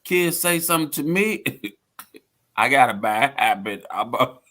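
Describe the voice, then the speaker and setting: A man in casual chat argues his point with playful emphasis and frequent laughs. His tone is bright and forward, and he talks slowly with a widely swinging pitch. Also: animated.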